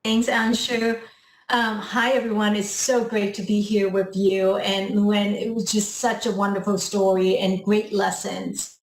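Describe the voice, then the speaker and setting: A woman's voice: medium pitch, little pitch movement, a little slow, slight background noise. Friendly woman on an echoey call. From Hong Kong. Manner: friendly, conversational, some fillers. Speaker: panelist, company founder. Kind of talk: webinar self-introduction. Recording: roomy echo.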